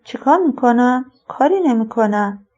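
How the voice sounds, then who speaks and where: A woman voicing an elderly retired male colonel, a rambling and wistful father who speaks slowly and musingly. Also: a little high, lively intonation, darkish tone, highs cut off.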